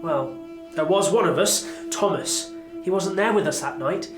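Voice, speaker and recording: A man's voice: high-pitched, moderate pace, over music, close to an everyday voice. A man playing an apostle, narrating his memories in an earnest, reflective way. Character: older male apostle recalling his past. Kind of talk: dramatic narration.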